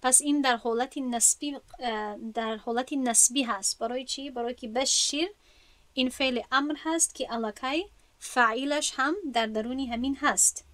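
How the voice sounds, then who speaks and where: A woman's voice: high-pitched, a bit bright, dry recording. A woman with a Tajik accent teaching an Arabic grammar lesson, patiently explaining and asking her students questions before answering them herself.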